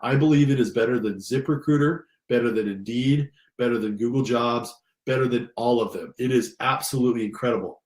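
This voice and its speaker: With allergies leaving him slightly stuffed up, an American career coach runs an informal screen-share tutorial, speaking enthusiastically and directly to listeners. His voice is mid-range, darkish, and a little fast, and the sound is roomy with echo.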